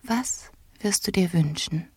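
A woman voicing a gentle, childlike girl empress in a whispered role-play, airy and tender. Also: lowish voice, expressive, slow, husky, dry recording, studio quality, heavily acted.

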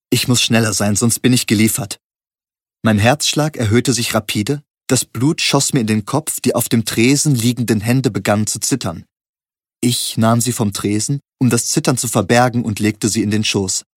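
A man giving a steady, measured first-person audiobook narration. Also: medium pitch, slightly rough, no echo, clean studio sound.

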